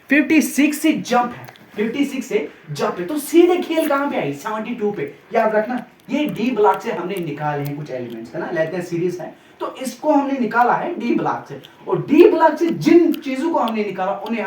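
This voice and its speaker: A man's voice: high-pitched, distant mic. Teacher man drilling lesson in roomy echo. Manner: repetitive, drills mnemonics, checks understanding with tag questions. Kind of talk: classroom-style science lesson. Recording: roomy echo, off-mic, faint background noise.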